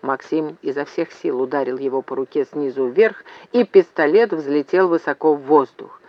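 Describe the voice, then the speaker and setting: Man narrating an audiobook, steady storytelling, slightly raised pitch, dry, muffled. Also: moderate pace, dry recording. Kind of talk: scripted narration.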